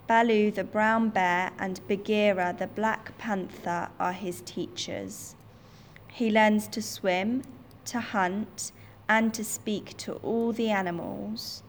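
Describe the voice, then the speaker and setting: Woman narrator, simple learner storybook, slow, clear, faint background hiss. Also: medium pitch.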